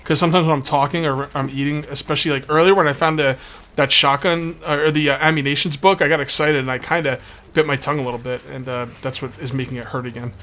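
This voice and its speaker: Speaking fast in a steady, fairly bright and slightly high voice, a man hosts a video game let's play series. His commentary is casual and rambling, full of repetition, and his tongue is sore from being bitten. The recording carries background noise in the form of game ambience.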